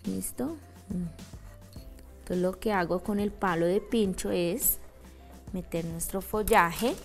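A woman with a middle pitch demonstrates a handmade craft step by step. She keeps pausing to check that her audience is following along. Soft music plays faintly in the background. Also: gravelly. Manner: checks in with a frequent "¿listo?". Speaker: craft instructor.

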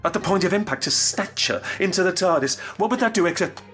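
A man's voice: high voice, animated, fast talker, fairly bright tone, soft background music. An actor playing a sarcastic, grief-stricken alien grandfather in an audio drama, intense and brooding. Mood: desperate, defiant. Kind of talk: full-cast audio drama acting.

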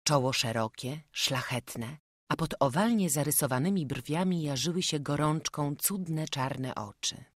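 A woman reading a classic children's novel aloud in calm, measured narration. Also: low voice, dry recording. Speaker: audiobook narrator. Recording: dry close studio voice.

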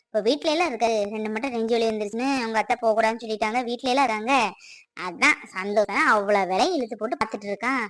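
A woman's voice: on the high side, racing, fairly bright tone, dry recording, natural voice. A woman playing a protective middle-aged mother who talks in a consoling yet scolding way, in a family skit.

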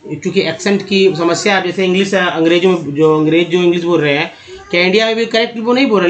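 A man giving an English pronunciation lesson in Hindi, explaining patiently and often restarting or repeating himself as he addresses viewers as friends. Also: high-pitched. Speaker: English teacher.

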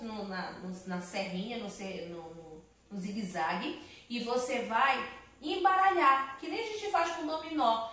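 A woman teaching English to young children with a Brazilian Portuguese accent, saying each alphabet word slowly and repeating it. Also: a little high, bright, forceful tone, roomy sound. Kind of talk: slow, spelled-out alphabet lesson for children.

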